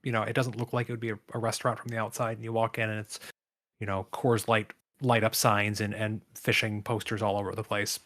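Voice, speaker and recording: A man's voice: lowish voice, level tone, brisk, a bit bright. A man co-hosting a board game podcast in casual chat, telling stories and laughing often. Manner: laughing, chatty storytelling. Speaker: podcast co-host.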